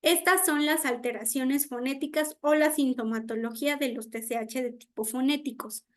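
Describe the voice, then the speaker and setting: High-voiced woman teaching speech therapy. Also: steady tone, moderate pace. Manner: explains with everyday examples and frequent "¿no?" checks; acts out children's mispronunciations. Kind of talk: online diploma lecture.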